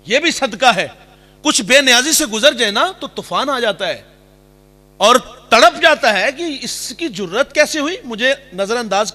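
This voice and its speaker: Impassioned preacher in an echoing hall. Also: male voice, sits high, sharp tone. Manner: impassioned, sing-song recitation of verse, slows for emphasis. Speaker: Islamic preacher. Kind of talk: Urdu sermon with Punjabi verse and quotes. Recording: long hall reverb.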